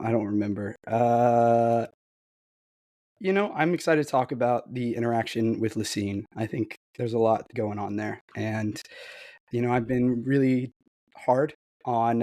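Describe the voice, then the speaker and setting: A man who is sick and hoarse, with a smoker's rasp, chatting casually on a book discussion panel. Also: mid-range voice, mellow, no echo.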